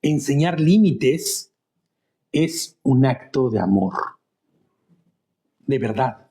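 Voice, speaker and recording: Warm and animated, his mid-range voice unfolds slowly as he runs a friendly, talkative Bible study. He keeps turning to the people listening with questions.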